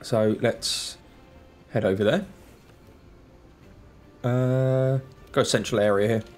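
Speaking slowly and steadily in a medium-pitched, darkish voice, a congested gaming channel host mutters through a casual let's-play. He is laid-back and self-deprecating, using an off-camera desk microphone with faint music behind him.

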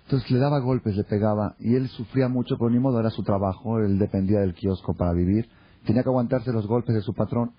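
A man giving a Torah class as a sermon, telling parables and acting out the characters' lines in an animated way. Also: lowish voice, quick pace, breathy edge. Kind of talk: sermon with storytelling. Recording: muffled lo-fi recording.

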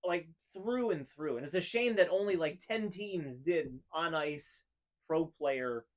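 Emphatic, opinionated man, a bit high-pitched. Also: animated, a little slow. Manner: opinionated, emphatic, repeats phrases for effect. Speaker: co-host. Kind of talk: casual podcast chat. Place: room full of hanging jerseys.

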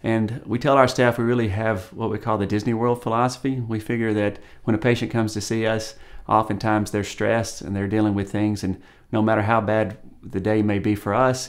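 Surgeon, 40s, deep monotone voice, studio interview. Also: male voice. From Tennessee, USA. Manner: measured, frequent ums and uhs. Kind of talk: on-camera promotional interview. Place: studio with plain grey backdrop.

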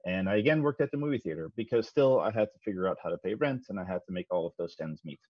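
A man in his thirties, originally from the Netherlands, walks a young audience through a science talk with relaxed, self-deprecating humor and frequent ums. His voice sits a little low. The sound is close and dry, with the slightly dull tone of a headset on a video call. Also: fast talker, dry recording. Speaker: guest speaker, physicist. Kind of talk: casual presentation over video call. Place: small home office.

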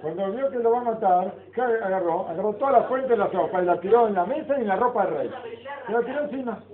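A man's voice: high-pitched, expressive, fast talker, crowd noise. A man, a rabbi teaching a Torah lesson. He reads Hebrew passages aloud, then explains them in with rhetorical questions. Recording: phone-like lo-fi recording of a class with people around.

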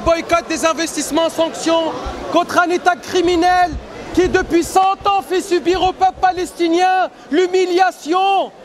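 A man campaigning loudly to passers-by, shouting and insistent, recorded in a busy indoor exhibition hall. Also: very high-pitched, steady tone, measured pace. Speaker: activist haranguing passers-by. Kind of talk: street campaigning speech. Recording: crowd and noise behind.

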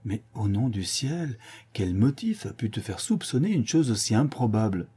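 A man's voice: fairly low pitch, very animated, moderate pace, warm tone, slightly rough. A man voicing a tender, teasing young countess in a storybook, speaking in a raised voice. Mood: earnest.

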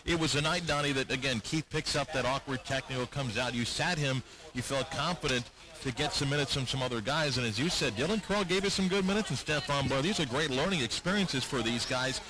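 A man in his forties, a broadcaster, interviewing a coach at courtside on a headset mic, brisk and upbeat as he recaps key plays. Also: mid-range voice, low-quality recording. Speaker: radio play-by-play broadcaster. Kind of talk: post-game interview. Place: courtside in a basketball arena.

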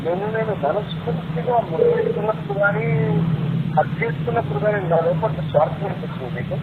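Agitated high-voiced man on noisy phone line. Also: lively intonation, quick pace. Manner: confrontational, threatening, repeats demands and questions. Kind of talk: heated personal phone argument. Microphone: telephone line. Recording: leaked phone call, tinny, very noisy.

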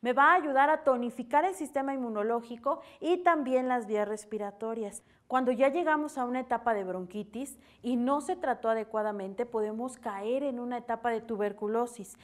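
A Mexican woman with a slightly high voice explains herbal remedies on a radio program. Her delivery is steady and instructive, like an advisor talking listeners through benefits one by one. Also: brisk, few pauses. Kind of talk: radio health talk.

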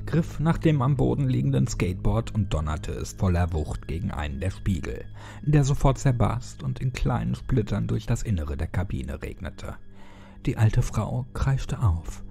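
A man reading a horror story aloud in a steady, measured storytelling manner. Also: medium pitch, vocal fry. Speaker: horror audiobook narrator. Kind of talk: scripted horror narration.

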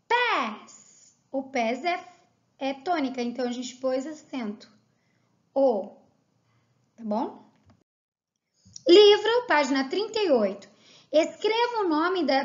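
A woman with a Brazilian Portuguese accent, teaching a recorded lesson and reading words out slowly and clearly. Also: sits high, darkish tone, dull audio. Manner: slow, clearly spelled-out dictation of words.

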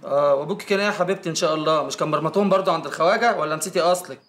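An actor playing a sarcastic, taunting Egyptian ex-husband in a film drama. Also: male voice, on the high side, very fast, fairly bright tone, natural voice.

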